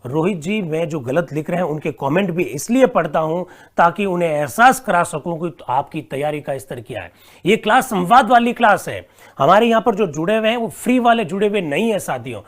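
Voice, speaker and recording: A male coach with a fairly high voice teaches a live online exam-prep class. He is animated and talks straight to his students. He reads their comments aloud and answers each one, then drills key points by repeating them slowly.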